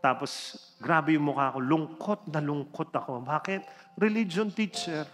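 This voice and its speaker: Animated man telling a story. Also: measured pace. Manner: animated, theatrical storytelling with big swings in pitch and loudness. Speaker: religion teacher telling a story to an audience. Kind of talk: inspirational storytelling talk. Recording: reverberant hall with faint background music.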